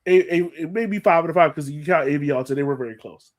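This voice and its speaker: Speaking fast with a fairly high pitch, this American sports podcast co-host keeps things casual. He pokes fun at himself, stays animated, and frequently muses aloud.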